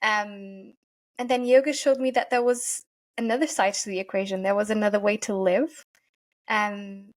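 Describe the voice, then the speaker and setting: A woman from Portugal, a yoga teacher giving earnest, thoughtful interview answers and often pausing to find her words. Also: medium pitch. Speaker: podcast guest, yoga teacher.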